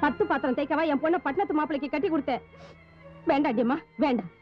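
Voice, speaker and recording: A woman's voice: sits high, rapid-fire, music in the background, lightly acted. A woman playing a fierce scolding mother. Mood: scornful. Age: middle-aged. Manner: sharp, scornful tirades. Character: fierce middle-aged mother, bitter and scolding. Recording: dull old film soundtrack.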